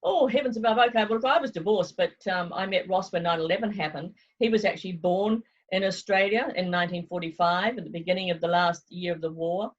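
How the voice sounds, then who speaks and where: A chatty woman from New Zealand who owns a travel agency is interviewed remotely over a video call, the audio dull and lo-fi. She's lively, laughs often and wanders off topic, speaking a little fast with few pauses in a lowish voice.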